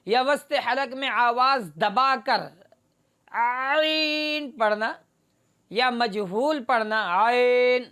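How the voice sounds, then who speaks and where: A woman's voice: a little high, a bit bright. A woman teaching a Quran recitation lesson, explaining each letter steadily and demonstrating the sounds by drawing them out and repeating them.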